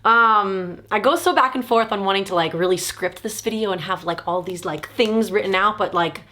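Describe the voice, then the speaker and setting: A thirty-year-old American woman who hosts a video channel sits on her bedroom floor, chatting to her viewers in a casual, confiding personal vlog with self-deprecating asides. Her medium-pitched voice is pushed and bright, at a normal speed.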